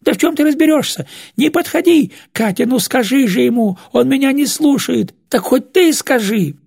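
A woman's voice: animated, moderate pace, exaggerated voice. Man playing a shrieking panicked old woman. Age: older. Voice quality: hoarse, strangled shrieking. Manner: shrill pleading and yelling.

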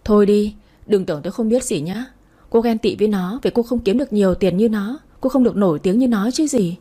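A scornful, sharp-tongued old mother-in-law, as a woman reading a storybook puts her on, scolding fast and shrill, then sliding into a low, pitiful wail. The voice is mellow and a little husky underneath. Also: natural voice. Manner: scolding, then wailing self-pity.

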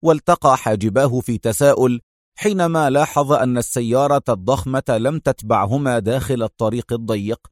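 A man narrating an audiobook with an expressive storytelling delivery. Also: medium pitch, fairly quick, no room sound. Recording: dry close-miked voice.

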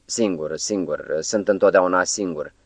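Low, dry-sounding mysterious professor, as a male narrator puts him on, theatrical and insistent. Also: no echo. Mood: bitter. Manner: swings from melancholy to emphatic, pleading. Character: eccentric foreign professor, mysterious, theatrical, middle-aged man.

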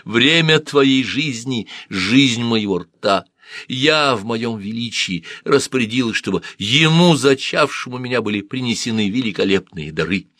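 A man's voice: medium pitch, normal speed, fairly bright tone, no echo, clean studio sound, voice pushed up, close to an everyday voice. A male narrator voicing a defiant ancient queen-pharaoh, declaiming her words to her god with pride. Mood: proud proclaiming. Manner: declamatory, proclaiming.

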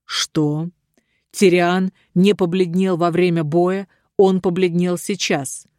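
An audiobook reader narrating a fantasy story in an even, measured storytelling manner. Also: medium pitch, no room sound, studio quality. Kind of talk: scripted narration.

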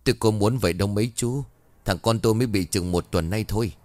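A man's voice: fairly low pitch, quick pace, darkish tone, dry recording, close to an everyday voice. A man voicing a panicked middle-aged mother, pleading and tearful.

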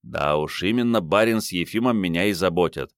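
A male audiobook reader voicing a curt, gruff, tired man who leads a small squad. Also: deep voice, a little fast, no room sound, clean studio sound.

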